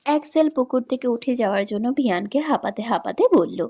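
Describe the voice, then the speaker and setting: A woman reading a romance story in scripted narration, with steady, even storytelling. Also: on the high side, quick pace.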